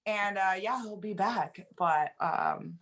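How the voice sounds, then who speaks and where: A woman's voice: mid-range voice, slow pace, fairly bright tone. A woman hosting a podcast, joking in crude casual banter. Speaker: podcast host. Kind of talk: casual chat.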